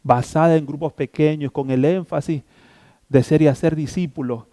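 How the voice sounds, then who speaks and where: Preacher putting on a hushed, mellow divine inner voice, solemn, Ecuadorian accent. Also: male voice, a little high, steady tone, normal speed, dry recording, natural voice.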